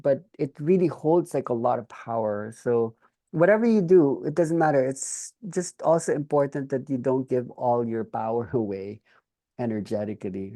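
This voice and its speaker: A man teaching a course over a video call, talking in a halting way while he searches for words. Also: medium pitch, dark tone, dry recording.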